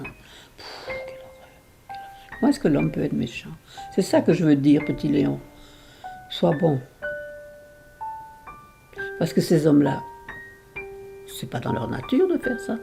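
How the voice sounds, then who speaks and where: A great-grandmother in her nineties from Belgium, telling her life story to a baby in a halting, emotional way with many restarts. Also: sits low, vocal fry. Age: over 90. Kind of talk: intimate spoken memoir.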